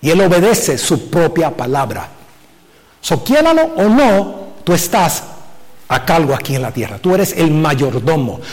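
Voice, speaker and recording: A male pastor preaches with lively emphasis and rhetorical questions, slipping English words into his Spanish. His voice sits a little high for a man. The sermon rings out in a church hall with a long reverb. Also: a little slow. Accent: Puerto Rican Spanish from the US Northeast. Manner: animated preaching, rhetorical questions, code-switching with "so". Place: church sanctuary.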